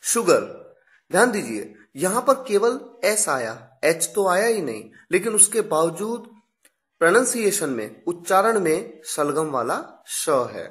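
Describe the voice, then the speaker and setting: A woman's voice: on the low side, very animated, a little slow. A woman teaching pronunciation in a video lesson, explaining carefully and repeating each sound for practice. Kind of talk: slow, deliberate classroom explanation.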